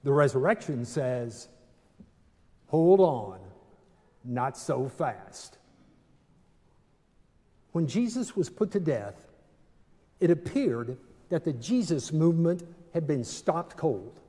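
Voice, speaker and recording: An older male pastor delivers a sermon in a slow, deliberate way, leaning on dramatic pauses. His voice sits a little high and sounds mellow. A long reverb from the stone sanctuary trails each phrase. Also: sing-song, husky. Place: large stone church sanctuary, at a pulpit. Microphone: pulpit microphone, far camera.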